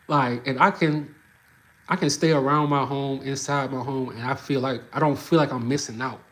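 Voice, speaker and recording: A Louisiana man in his thirties hosts a livestream, reacting to comments in loose, energetic chat and saying "bro" a lot. His voice is medium in pitch, steady and a bit bright, at a moderate pace.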